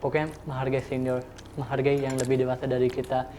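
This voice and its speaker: A man's voice: medium pitch, monotone, fast talker, dark tone, slight background noise. A man in his twenties, a foreigner speaking Indonesian as a second language with a foreign accent, chatting casually and politely as a vlog host. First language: not Indonesian, still learning it. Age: 20s.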